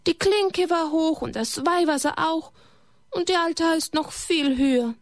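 A woman's voice: very high voice, measured pace, no room sound, clean studio sound, pitched above the performer's own voice. A woman voicing a small, earnest, pious boy who pleads in simple prayer, in a storybook reading. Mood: plaintive. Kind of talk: storybook character voice.

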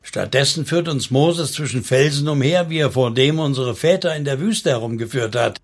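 Dude doing angry sneering prince, raised and rough, husky voice. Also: male voice, mid-range voice, normal speed, lightly acted. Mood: bitter.

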